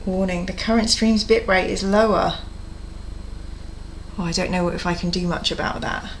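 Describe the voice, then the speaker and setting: A woman's voice: fairly low pitch, steady tone, moderate pace, slight background noise, rough recording. A woman hosting her channel on a livestream headset mic, chatting casually and greeting viewers. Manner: chatty, greets viewers and reads chat aloud. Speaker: YouTube channel host.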